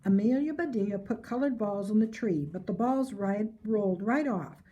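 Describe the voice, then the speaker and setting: A woman's voice: medium pitch, lively intonation, moderate pace, dark tone, breathy edge. An older woman reading a children's storybook aloud in a grandmotherly storytelling manner.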